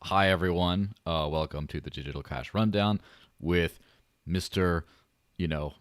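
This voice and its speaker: Speaking a little slowly in a deep yet light, buttery voice, a podcast host jokes around, rambles and makes self-deprecating remarks during a casual livestream chat. The audio is clean studio quality without any room sound.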